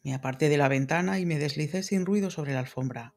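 A man reading a classic novel aloud as an audiobook narrator, in a measured, dramatic style. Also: on the high side, vocal fry, darkish tone. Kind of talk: scripted literary narration.

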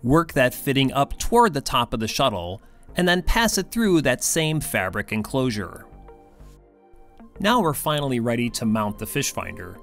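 Male instructor voice-over, animated pitch, clear steps, faint music underneath. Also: moderate pace.

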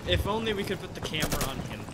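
A man hosts a casual shooter let's play in a voice that sits fairly high. He jokes, swears and reacts jumpily as he plays. Loud game gunfire and explosions run under his voice. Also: expressive, racing, very noisy. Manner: joking and swearing, jumpy reactions. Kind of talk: casual gameplay commentary.

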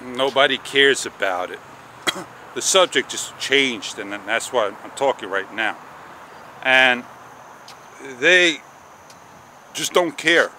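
Slow, halting man outdoors with bright tone. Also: medium pitch, lively intonation, a little hiss or hum. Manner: slow, halting, frustrated rambling with long pauses. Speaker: vlogger. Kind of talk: casual walk-and-talk vlog. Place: outdoors on a sunny garden patio and paths. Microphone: small wireless clip-on mic.

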